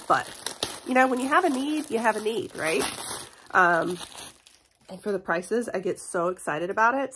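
A woman in her forties chatting excitedly through a haul review vlog, stuffy from a cold, laughing often. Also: mid-range voice, a little hiss or hum. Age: 40s. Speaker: beauty and haul vlogger. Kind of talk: casual product review vlog.

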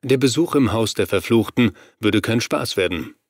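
A man narrating a horror audiobook in the first person, in a steady, measured reading voice on a studio microphone. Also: lowish voice, no room sound.

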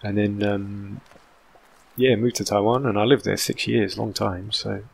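A man's voice: lowish voice, steady tone, measured pace, creaky, a little hiss or hum. A man in his thirties from England, whose British accent carries an American tinge, gives casual let's-play commentary, chatty and rambling with many "um"s. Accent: British English mixed with American. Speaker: gaming channel host.

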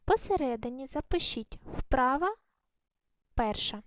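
A woman teaching a primary school video lesson, speaking slowly and clearly to children in an encouraging way. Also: high voice, expressive, no room sound. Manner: slow, clear, encouraging classroom delivery.

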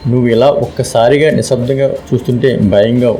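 A man's voice: mid-range voice, steady tone, brisk, mellow, soft background music, lightly acted, low-quality recording. A man reading the lines of an affectionate young woman in love, without changing his voice.

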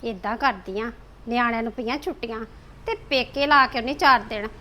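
A young woman acts as a daughter-in-law who keeps grumbling. Her voice is high and bright, and her complaints come out sharp. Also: normal speed, slight background noise. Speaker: married daughter-in-law character. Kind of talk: short film acting.

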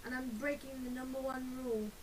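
A woman's voice: high voice, flat delivery, brisk, a little hiss or hum, poor audio. A woman playing a game with a friend, chatting casually, teasing him and giggling often. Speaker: co-player. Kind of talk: casual gaming chat.

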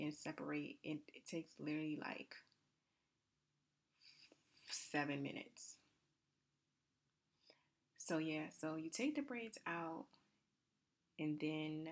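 A young woman chatting casually in a soft, low, near-whispered voiceover for a hair tutorial, with plenty of fillers. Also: creaky. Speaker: hair vlogger. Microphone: voiceover mic.

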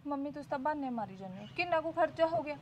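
ਇੱਕ ਔਰਤ ਪੰਜਾਬੀ ਲਘੂ ਫ਼ਿਲਮ ਵਿੱਚ ਜ਼ਿੱਦੀ, ਸ਼ਹਿਰੀ ਨੂੰਹ ਦਾ ਕਿਰਦਾਰ ਨਿਭਾ ਰਹੀ ਹੈ, ਜੋ ਜ਼ੋਰ ਦੇ ਕੇ ਸ਼ਿਕਾਇਤਾਂ ਕਰਦੀ ਹੈ।. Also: female voice, high-pitched, animated, very fast, dull audio, a little hiss or hum. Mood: complaining. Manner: insistent, complaining, argumentative. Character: young city-bred woman, stubborn and demanding. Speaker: new daughter-in-law. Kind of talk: Punjabi short film acting.

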